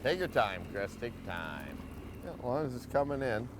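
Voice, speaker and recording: A man's voice: mid-range voice, very animated, moderate pace. A middle-aged Canadian man giving casual, easygoing fishing commentary, encouraging in short folksy phrases. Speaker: fishing show host. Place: outdoors on a fishing boat on a lake. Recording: boat engine and outdoor noise.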